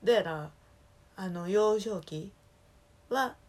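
A woman from Osaka speaking with a Kansai accent, chatting casually alone in a relaxed, rambling way that keeps correcting itself. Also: mid-range voice, takes it slowly. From Osaka, Japan. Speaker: solo podcast talker. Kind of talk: casual solo chat.

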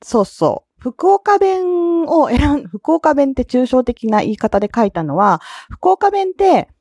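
A woman's voice: sits high, big pitch swings, a little slow, darkish tone, no echo, clean studio sound. A woman with an Osaka Kansai accent hosting a casual solo podcast, chatty and laughing often between her words. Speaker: podcast host.

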